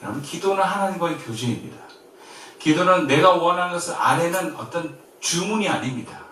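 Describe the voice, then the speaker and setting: A man from Korea preaching a sermon as pastor, in a lively way that swings from emphatic to soft and gentle. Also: fairly high pitch, fairly quick, slight background noise. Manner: lively, shifts between loud and soft, quiet gentle quoted comfort. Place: church sanctuary. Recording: very echoey church from far off.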